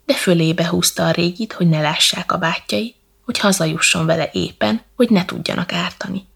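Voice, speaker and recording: Woman storyteller, bedtime verse, gravelly and very husky, lowish. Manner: slow, rhythmic verse reading.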